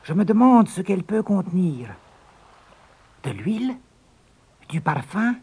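A man's voice: high-pitched, sing-song, measured pace, darkish tone, breathy edge, voice pushed up, exaggerated voice. A man voicing a poor, frightened fisherman who stammers and begs for mercy. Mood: wondering. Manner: stammering, begging.

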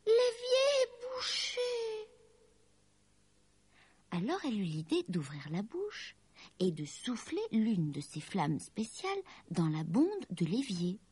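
A woman reading a children's story aloud, slow and expressive with gentle dips in pitch. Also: slightly rough, no echo. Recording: dry close recording with faint music.

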